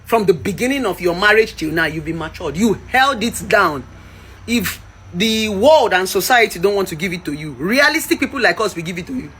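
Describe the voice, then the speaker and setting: A woman's voice: mid-range voice, expressive, brisk, fairly bright tone, husky. Impassioned Nigerian woman in her thirties. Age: 30s. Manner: impassioned, preachy, mixes in Pidgin. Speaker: vlogger. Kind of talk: opinion commentary rant.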